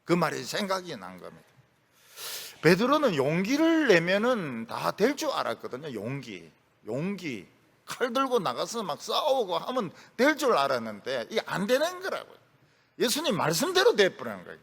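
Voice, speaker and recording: Korean pastor preaching with wide swings. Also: male voice, high voice, wildly swooping pitch, normal speed, gravelly, fairly bright tone, breathy edge. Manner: storytelling with acted quotes and humor, voice rising and dropping sharply. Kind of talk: sermon.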